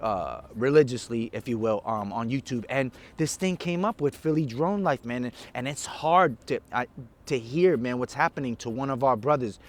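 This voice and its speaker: A podcast co-host chats casually in a laid-back, slangy, rambling way. His voice is mid-range and he talks at normal speed.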